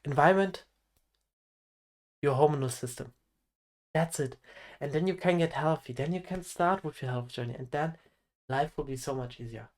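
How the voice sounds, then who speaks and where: A man's voice: fairly high pitch, moderate pace, pauses often. Earnest teenage man giving advice. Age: teens. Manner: earnest, direct advice to the viewer. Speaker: health coach. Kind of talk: motivational vlog monologue.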